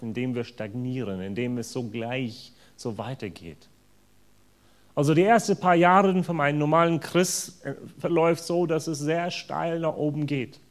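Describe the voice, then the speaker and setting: A man preaching a sermon in an earnest, emphatic way, stressing words with sudden loud bursts. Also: a little high.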